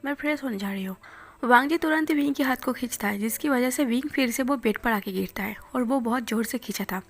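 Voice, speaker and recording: A woman narrating a fan fiction story in a soft, hushed reading voice, with faint music behind. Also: on the high side, brisk, a little hiss or hum.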